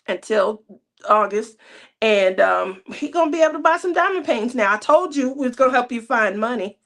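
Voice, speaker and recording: A woman's voice: fairly high pitch, a bit bright. Chatty laughing craft host woman. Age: 30s. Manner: chatty, laughs often, teasing. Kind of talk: casual livestream chat.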